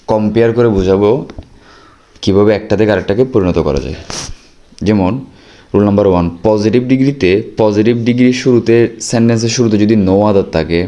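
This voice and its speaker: A man with a Bangladeshi accent teaching an exam-prep grammar lesson, patiently repeating examples slowly and checking that students follow. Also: fairly low pitch, warm tone. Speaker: English teacher.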